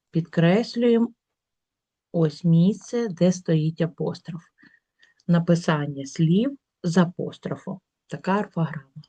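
A middle-aged woman teacher giving a workbook lesson to schoolchildren, reading out example words slowly and carefully. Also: lowish voice, a little mellow, no echo. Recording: dull, lo-fi recording.

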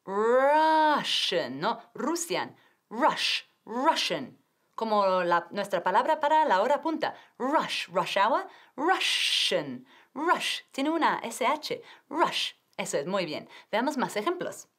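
A woman teaching English on a TV lesson, drilling pronunciation clearly and encouragingly. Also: fairly high pitch, very animated, slow, fairly bright tone. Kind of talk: TV language lesson.

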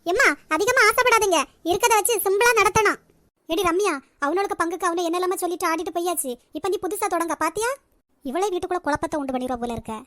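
A woman's voice: extremely high pitch, fast talker, a bit bright, dry recording, studio quality. A woman voicing a doting cartoon grandmother. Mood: bossy. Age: older. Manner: fussy, bossy and doting. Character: affectionate elderly grandmother, head of the family. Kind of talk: cartoon voice acting.

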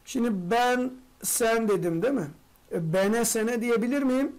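A teacher giving an exam-prep grammar lesson, posing quick rhetorical questions, answering them, and addressing the students familiarly as friends. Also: mid-range voice, a little mellow.

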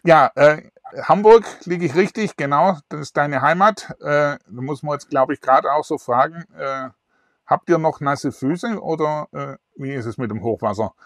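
A man's voice: on the high side, moderate pace, dry recording, studio quality. A middle-aged man hosting an online interview, chatty and full of fillers, talking into a lapel mic. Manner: chatty, filler-heavy questions. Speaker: host. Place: indoors in front of a virtual backdrop.

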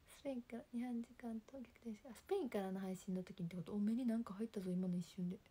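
Young kansai woman streaming from home, calm soft voice, kinda breathy and mellow. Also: medium pitch, quick pace. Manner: soft, calm, often drops to a near whisper. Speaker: livestream host. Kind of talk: casual livestream chat reading viewer comments.

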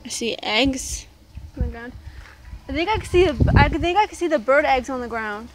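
A woman's voice: high-pitched, lively intonation, moderate pace. A young woman narrating a casual home vlog outdoors on a handheld phone camera. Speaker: vlogger, mother. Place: outdoors in a grassy backyard. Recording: clear outdoor background noise, handheld.

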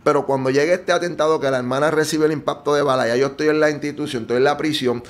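A man's voice: fairly high pitch, steady tone, fast. A man with a Puerto Rican accent, telling his personal testimony earnestly in an interview and checking in with frequent tag questions. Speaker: guest giving testimony.

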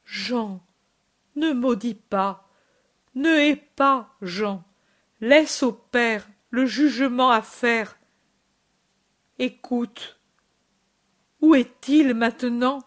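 Woman voices anguished gentle mother, soft short phrases, slow, somewhat high voice.

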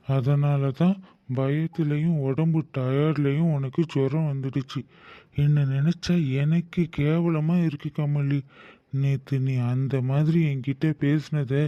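A fairly high male voice for a doting young cartoon husband, voiced by a man. He speaks earnestly and apologetically, with a playful streak. The recording is dull, dry and lo-fi. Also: dry recording, natural voice. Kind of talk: cartoon drama dubbing.

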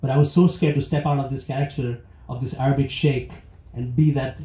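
A man's voice: medium pitch, steady tone, mellow. Man telling a true story on stage. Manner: earnest, reflective, with pauses and restarts. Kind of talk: live personal storytelling. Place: stage at a live storytelling evening. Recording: roomy, dull live venue recording.

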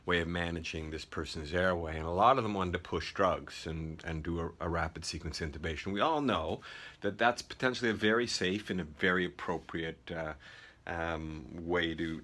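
Middle-aged male physician, very low voice, loose rambling teaching talk into a handheld phone. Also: fairly bright tone. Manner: rambling, many fillers and restarts. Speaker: emergency physician educator. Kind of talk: informal teaching vlog. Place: small office indoors. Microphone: phone held at arm's length.

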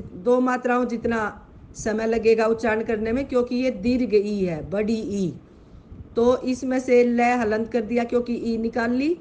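A woman's voice: on the high side, darkish tone, a little hiss or hum. A woman teaching Sanskrit in an online grammar lesson. She patiently spells out sounds, asks her pupils questions and calls them beta. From Haryana, India.

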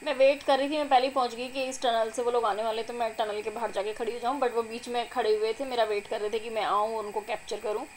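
A young adult woman, a vlogger and mother, narrating her family video in a chatty, doting, excited voice-over. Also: a little high, fast, hardly any pauses, a little hiss or hum, poor audio. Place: recorded apart from the filmed scene.

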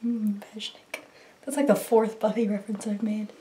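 A woman's voice: medium pitch, steady tone, normal speed, mellow. Playful young woman in an echoey bathroom. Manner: playful, joking. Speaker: cosplayer filming behind the scenes. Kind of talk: casual chat. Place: small home bathroom. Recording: echoey bathroom, faint noise.

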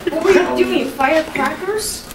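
A woman's voice: very high-pitched, normal speed, a loud crowd. A woman bantering and teasing friends at a home party, heard on an old VHS home video tape. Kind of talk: casual chat among friends. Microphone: camcorder built-in mic. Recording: hissy VHS camcorder audio, echoey room, far from mic.

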